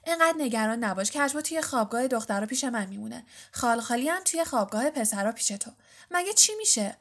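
A woman voicing a clever, caring teenage girl in an audiobook, talking quickly and pleadingly. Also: fairly high pitch, lively intonation, fairly bright tone. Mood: coaxing.

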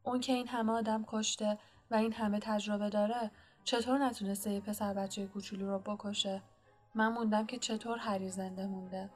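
A woman's voice: medium pitch, level tone, darkish tone, faint music behind, lightly acted. Lady voicing a stern old witch teacher, anxious and earnest, audiobook style. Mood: distressed. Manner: earnest, pressing questions. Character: stern older female witch professor, anxious. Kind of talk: audiobook character reading.

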